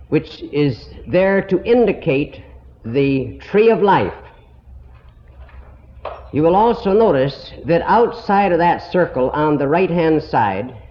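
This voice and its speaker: Man teaching scripture on an old recording. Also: fairly high pitch. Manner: slow, deliberate, explanatory teaching. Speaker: Bible teacher. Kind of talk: Bible lesson to a congregation. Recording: dull, muffled old tape recording.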